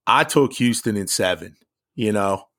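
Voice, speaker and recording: A man's voice: fairly low pitch, measured pace, fairly bright tone. A man co-hosting a sports podcast, answering a listener in a laid-back, playful way. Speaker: podcast co-host. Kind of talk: casual sports banter.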